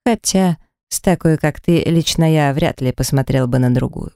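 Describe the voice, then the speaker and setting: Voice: mid-range voice, moderate pace, gravelly, darkish tone, no room sound, clean studio sound, natural voice. A narrator voicing a drunk, insolent rich young man who sneers and mocks, in an audiobook. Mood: mocking. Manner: sneering, mocking, slurred. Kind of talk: audiobook character voice.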